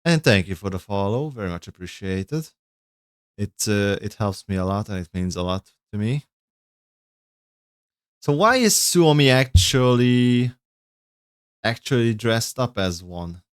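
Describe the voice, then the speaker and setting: A man's voice: on the low side, lively intonation, a little slow, long pauses, clean tone, no echo. Man, casual livestream talk, rambling, self-correcting, casual swearing, resonant voice, dry home mic. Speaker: streamer reacting to game lore. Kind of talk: casual livestream reaction chat.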